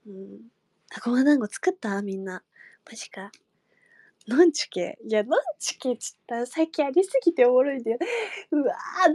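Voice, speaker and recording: Woman, young, casual livestream chat, giggly, high-pitched, soft whispery asides. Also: dry recording. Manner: chatty and giggly, drifting into soft murmurs and whispers. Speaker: livestreamer talking with fans.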